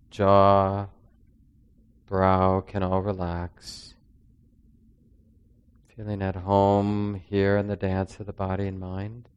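A meditation teacher with a low, smooth, clear voice guides a breathing meditation in a steady, almost flat tone. He speaks slowly and softly, leaving long pauses between calming instructions.

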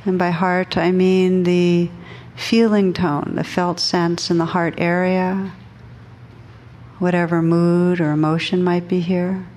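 A female meditation teacher guides a group through meditation, speaking gently and slowly with long pauses between phrases. Her voice is fairly low in pitch and level in tone.

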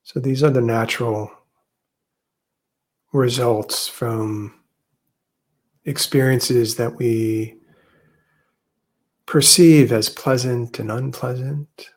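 A man acting as a meditation teacher guides a session in a gentle, unhurried way, leaving long pauses. His voice is mid-range with fairly even intonation.

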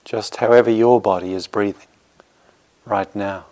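A man leads a guided meditation in a fairly low, very smooth voice, speaking gently in short phrases separated by generous pauses. Like a teacher settling students into practice, he sounds reassuring, his tone steady and his pace unhurried. The recording is rough.

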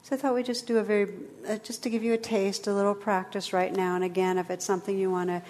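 A woman meditation teacher speaking gently and soothingly, unhurried, as she guides and reflects with a class. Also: mid-range voice, flat delivery, a little hiss or hum. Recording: reverberant hall.

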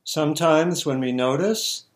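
Guiding a meditation session, this man speaks in a slightly high voice, offering instructions in brief, measured phrases with long pauses between them.

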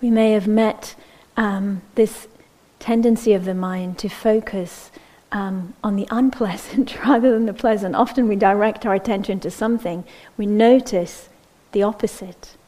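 Woman meditation teacher, mellow voice, gentle dharma talk, keeps asking yeah?, goes soft and whispery sometimes. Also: mid-range voice, steady tone, rough recording. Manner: gentle, unhurried, often asks "yeah?".

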